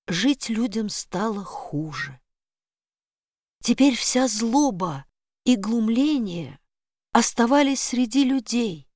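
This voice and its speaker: A woman narrating a story in a measured, expressive reading. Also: mid-range voice, no echo, studio quality. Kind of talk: audiobook narration.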